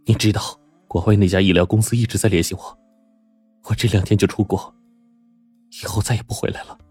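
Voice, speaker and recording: A man's voice: lowish voice, steady tone, fairly quick, a little mellow, husky, soft background music. A man voicing a polite, guilt-ridden young doctor who speaks earnestly. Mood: contrite. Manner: earnest, apologetic.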